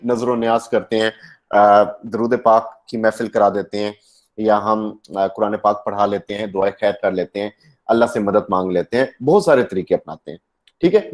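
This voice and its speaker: A man's voice: mid-range voice, a little mellow. A man with a Pakistani accent teaching English literature in a classroom, explaining at length and slipping English terms and phrases into his talk. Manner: explanatory, mixes English terms into Urdu, many fillers. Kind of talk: classroom lecture.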